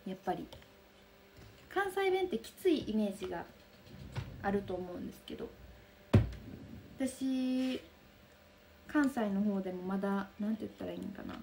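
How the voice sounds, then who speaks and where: A young woman with a soft Kansai accent chatting casually on a livestream, reading out and answering viewer comments. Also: mid-range voice, lively intonation, moderate pace, creaky, long pauses, background noise. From Kansai region of Japan. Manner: soft, bubbly, chatty with frequent laughs. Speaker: livestream host. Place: room lit by daylight.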